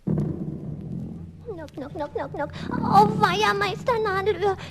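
A bright little duck girl from a children's audio play, chattering away in a very high voice. She drops quacking sounds between her words, over the hiss of an old recording. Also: animated, slow, creaky, heavily acted. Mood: aufgeregt fragend. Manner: schnatternde Quak-Laute zwischen den Sätzen. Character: kleine aufgeweckte Entendame, weiblich. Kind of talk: Hörspiel für Kinder.

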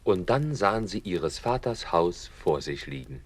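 A man narrating a fairy tale as a lively storyteller who acts out the quotes. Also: deep voice, measured pace, soft background music.

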